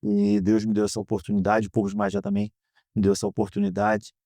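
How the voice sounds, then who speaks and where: A Brazilian man in his thirties answering interview questions in an earnest, measured way, often ending phrases with a questioning tag. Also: fairly low pitch, completely flat delivery, warm tone, no echo. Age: 30s. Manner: earnest, measured, frequent "né?" tags. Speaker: guest, politician. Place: podcast studio.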